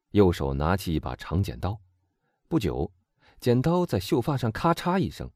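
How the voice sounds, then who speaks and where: A man narrating a classic novel as an audiobook reader, measured and expressive. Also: sits low, no echo, clean studio sound. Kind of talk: scripted narration.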